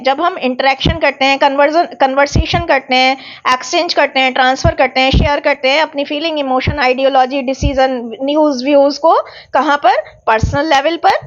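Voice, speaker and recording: Woman teacher, high voice, patient repetitive explaining, slightly dull lo-fi recording. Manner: explains patiently, repeats key words, mixes English terms. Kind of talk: exam revision lecture.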